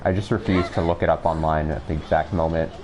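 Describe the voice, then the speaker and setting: A man's voice: a bass voice, fairly even intonation, fast talker, noisy background. A man giving casual video game commentary, rambling, sweary and thinking aloud as he plays. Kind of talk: casual let's play commentary. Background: music.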